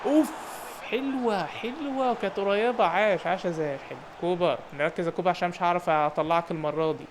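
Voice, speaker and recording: A young man with an Egyptian Arabic accent giving joking, excited commentary on a football game and shouting at his players. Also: high voice, quick pace, a little hiss or hum. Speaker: gaming YouTuber.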